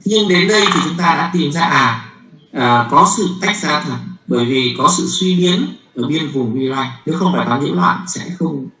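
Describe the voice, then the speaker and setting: A man giving a university physics lecture. He talks haltingly, with many fillers and repeated words, and keeps checking with the class. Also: on the high side, lively intonation, pushed and bright, roomy sound, slight background noise, poor audio.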